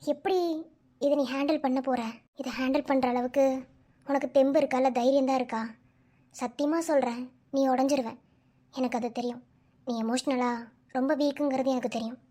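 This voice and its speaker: A woman's voice: sits high, steady tone, brisk, pauses often, dark tone, voice pushed down. A woman voicing a stern young man in a cartoon who bluntly lectures his drunk friend.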